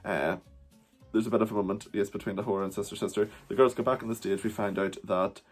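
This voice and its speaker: A chatty man with a lowish voice reviews an episode in a loose, rambling vlog. He talks from home in drag, swearing casually and dropping in "wee" often. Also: fairly even intonation, quick pace, faint music behind. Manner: uses the word wee. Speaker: drag performer reviewing a TV show.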